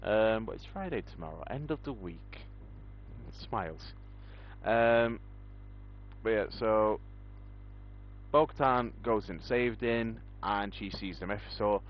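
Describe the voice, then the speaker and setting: A young man with a fairly low voice chats loosely, filling gaps with ums as he goes. The recording sounds dull and lo-fi. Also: slow pace, a little hiss or hum. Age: young adult. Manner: rambling, many ums. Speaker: podcast host. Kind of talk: casual chat.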